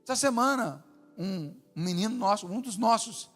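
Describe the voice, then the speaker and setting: A man preaching a sermon as pastor, animated, swinging between loud calls and hushed asides. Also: sits high, moderate pace. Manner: animated preaching with acted quotes, rising and dropping to a hush. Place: large church hall. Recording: long hall reverb with faint music.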